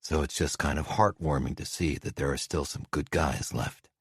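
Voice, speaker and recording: A man voicing a gruff, reclusive male falconer who speaks bluntly and low in an audiobook. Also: normal speed, no echo, studio quality, full character voice. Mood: earnest.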